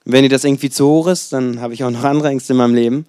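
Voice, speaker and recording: Young man in his 20s, casual storytelling sermon, mid pitch, dry close sound. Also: fairly even intonation, rapid-fire, warm tone, clean tone, no room sound. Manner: conversational, storytelling, rhetorical questions. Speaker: preacher.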